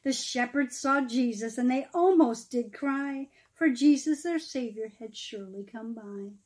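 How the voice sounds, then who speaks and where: A middle-aged woman, a pastor, reads a rhyming children's picture book aloud in a notably high-pitched voice with a darkish tone. Her delivery is theatrical and emphatic, with deliberate pauses between phrases, like a storyteller speaking straight to young listeners.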